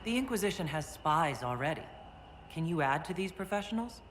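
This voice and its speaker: Brief: a calm, measured hero figure asking pointed questions. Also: medium pitch, a little hiss or hum. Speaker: player protagonist, the Herald.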